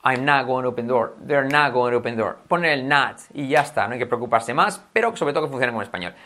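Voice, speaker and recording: A man from Spain with a Spanish accent, teaching English in a chatty, lively video lesson, repeating examples slowly and clearly. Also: medium pitch. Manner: switches between Spanish and English, repeats examples with drawn-out pronunciation.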